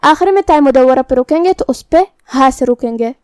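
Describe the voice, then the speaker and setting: A woman's voice: high voice, animated, darkish tone, dry recording, studio quality. A woman teaching recitation rules in a methodical, step-by-step manner. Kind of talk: tajweed lesson explanation.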